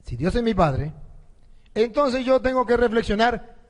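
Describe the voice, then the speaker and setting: A man's voice: extremely high pitch, expressive, a little slow, long reverb tail. A priest preaching a sermon. He tells stories and keeps asking the congregation questions.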